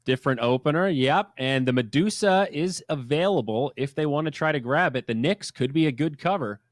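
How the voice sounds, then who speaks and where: A man casting a live esports match, talking quickly with animated, playfully sarcastic energy. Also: on the high side, no room sound. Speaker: esports caster.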